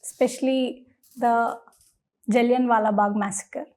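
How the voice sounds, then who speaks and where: A woman's voice: a little high, fairly even intonation, measured pace, a little mellow. An Indian-accented woman answering formally and deferentially in an interview, with some hesitancy. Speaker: candidate in mock civil service interview.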